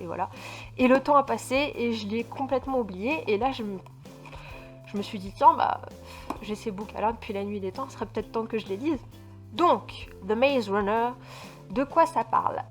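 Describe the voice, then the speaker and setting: A woman from France chatting casually about books in a vlog, stumbling and restarting often with lots of fillers, and speaking emphatically about her feelings. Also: medium pitch. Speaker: book vlogger. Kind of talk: casual book review chat.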